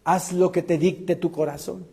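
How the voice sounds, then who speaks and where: A man preaching a sermon, his voice husky and dark, pitched a bit above the usual male range. He poses rhetorical questions to the congregation and swings from loud, pressing lines to hushed ones. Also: fairly even intonation, normal speed. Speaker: pastor.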